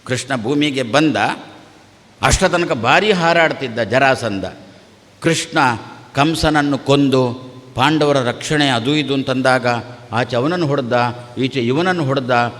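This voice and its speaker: A man giving a devotional sermon, asking rhetorical questions and answering them himself in a steady listing cadence. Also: slow, big-room sound. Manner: acts out quoted exchanges with shifting pitch. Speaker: religious teacher giving a discourse.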